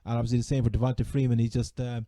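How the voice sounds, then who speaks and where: A man with a Cork Irish accent chatting casually as a sports podcast host, halting and repeating words as he goes. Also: medium pitch, level tone, dark tone, no room sound. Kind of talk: casual fantasy American football chat.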